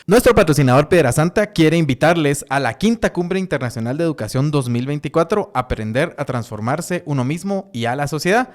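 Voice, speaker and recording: A man with a fairly high voice reads out a sponsor announcement. He keeps an even, measured reading tone throughout. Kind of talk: read sponsor message.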